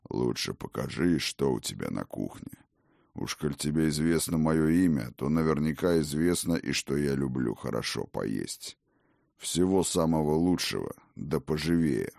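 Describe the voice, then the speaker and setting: A man reads the part of an ancient, imperious god-king with a very deep, gravelly voice. He speaks slowly and commandingly, his pitch swinging widely. The sound is close and dry. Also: expressive, darkish tone, no echo, full character voice. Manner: commanding, slow and rumbling. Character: old male god-king, imperious and hearty. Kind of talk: audiobook character reading.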